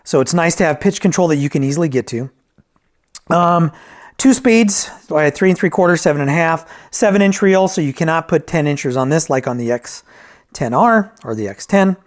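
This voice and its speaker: A brisk, animated man with a fairly high-pitched voice gives an unscripted product review in a casual tone. He reviews and repairs vintage tape decks, and he tends to ramble, backtrack to correct himself, and ask "right?" along the way.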